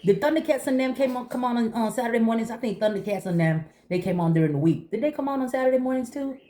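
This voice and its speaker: A middle-aged woman chatting casually to viewers while eating, telling stories in an animated way and acting out conversations. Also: on the high side, fast. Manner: talking while eating breakfast. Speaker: vlogger.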